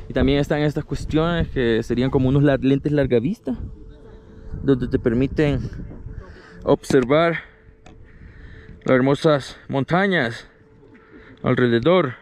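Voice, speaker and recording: In this casual travel vlog, a young Latin American man exclaims eagerly to his viewers as friends, filming himself on an arm's-length action camera in a cable car and on a mountaintop terrace, indoors and outdoors. He speaks at medium pitch over background music, with slight background noise.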